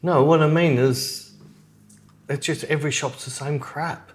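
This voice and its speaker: A man's voice: fairly high pitch, fairly even intonation, a little slow. A man co-hosting a podcast, chatting casually and telling rambling, opinionated stories. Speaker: podcast co-host. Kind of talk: casual chat.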